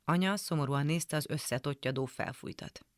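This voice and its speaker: A woman reading a literary memoir aloud for radio in a calm, measured storytelling manner. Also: low voice, no echo, clean studio sound. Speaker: radio reader. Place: radio studio.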